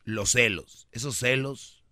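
A man with a Mexican accent hosts a call-in radio show, handing out blunt, teasing advice. His voice is bright and forceful, and it sits close and dry on a studio mic. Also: mid-range voice, takes it slowly, dry recording. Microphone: studio microphone.

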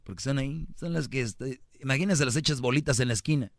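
A man's voice: medium pitch, quick pace, vocal fry, no room sound, studio quality. A man with a Mexican accent hosting a call-in radio advice show, blunt and teasing in a preachy way. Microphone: studio microphone.

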